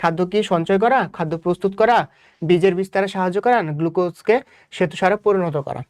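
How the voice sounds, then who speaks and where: A man's voice: high voice, fast, a little mellow, clean tone, no room sound. A young man from Bangladesh with a Bangladeshi Bengali accent, teaching a biology exam-prep lesson, repeating points and quizzing students with rhetorical questions. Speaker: biology tutor.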